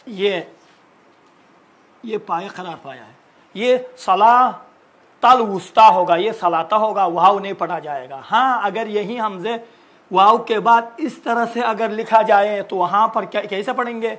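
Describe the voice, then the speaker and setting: A man with a high-pitched voice gives a religious lesson on reciting scripture. He explains each point patiently and repeats examples. He draws out sounds slowly to show how they should be pronounced. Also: fairly bright tone. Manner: drawn-out demonstration of syllables and words. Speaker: Quran recitation teacher.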